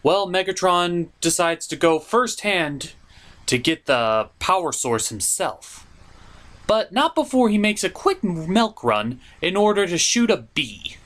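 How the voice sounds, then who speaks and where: Hosting a cartoon review show, a man with a high-pitched, slightly bright voice gives informal, opinionated scripted commentary. It's played for comedy, with exaggerated emphasis throughout.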